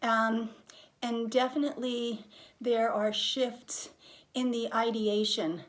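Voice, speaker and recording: A woman with a somewhat high voice leads a candid interview. She talks in a frank, reflective way and leans on her words for emphasis, keeping it conversational. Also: steady tone, takes it slowly. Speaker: interviewer and hospice patient.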